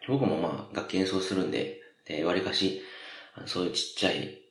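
A man's voice: low voice, a little fast, creaky. A man hosting his own radio podcast, talking casually in a rambling way, often stopping to correct himself. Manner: rambling, self-correcting, chatty. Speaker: podcast host. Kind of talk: casual solo radio talk. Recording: roomy echo.

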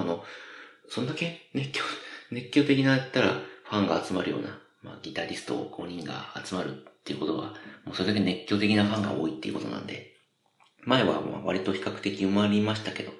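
A man with a low, gravelly voice hosts his own radio talk show alone. He chats casually and rambles, and he often stops to correct a word he got wrong. The sound is roomy and echoey. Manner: rambling, self-correcting, chatty. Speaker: podcast host. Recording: roomy echo.

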